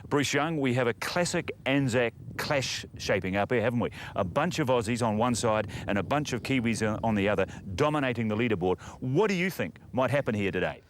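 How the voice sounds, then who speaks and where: A man's voice: mid-range voice, lively intonation, a little fast, few pauses, a little hiss or hum. A man anchoring golf tournament commentary, describing play in a presenterly, conversational way.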